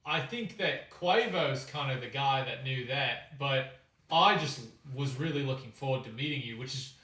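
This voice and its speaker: A man's voice: mid-range voice, animated, sharp tone. Man playing a bumbling big friendly adventurer, echoey. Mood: sheepish. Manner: halting, hesitant, fumbling for words. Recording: echoey room, far from mic.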